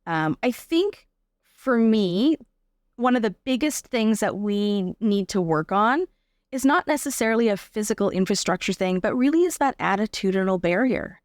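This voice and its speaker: In a mid-range, animated voice at normal speed, a woman with a Canadian accent reflects casually as an interview guest. She's informal and thoughtful, using examples and rhetorical questions to explain things. The recording is dry and studio quality.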